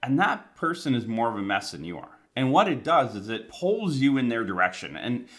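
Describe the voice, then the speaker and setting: Animated Canadian man with a numb, swollen mouth. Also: mid-range voice, moderate pace. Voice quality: slightly impeded articulation from numb mouth. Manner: emphatic, conversational, repeats key phrases. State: numb, swollen mouth after oral surgery. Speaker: financial planner hosting an advice channel. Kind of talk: direct-to-camera financial advice.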